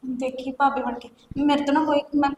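A woman's voice: high-pitched, level tone, fairly quick, a little mellow, close to an everyday voice. A young woman with a Punjabi accent playing a scared college girl pleading with her sister-in-law in a Punjabi web drama. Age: young adult. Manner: pleading, anxious. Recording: echoey hall, faint noise.

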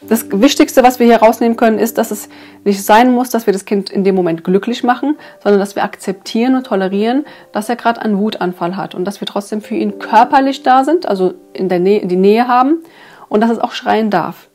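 A woman's voice: medium pitch, fairly quick, darkish tone. A woman talking earnestly and casually to her viewers, explaining parenting advice with frequent hesitations. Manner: earnest, hesitant with many fillers. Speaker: parenting vlogger reviewing a book.

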